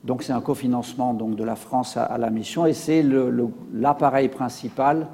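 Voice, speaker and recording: A man's voice: mid-range voice, fairly even intonation, moderate pace, gravelly, dark tone, long reverb tail, slight background noise. A man giving a public science lecture with slides, hesitant, with many fillers and restarts.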